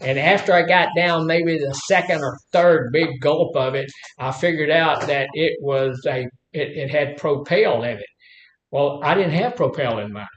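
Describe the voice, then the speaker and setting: A man's voice: fairly high pitch, moderate pace, roomy sound, highs cut off, slight background noise. Folksy man lecturing a class. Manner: folksy, asks the class questions. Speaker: health instructor.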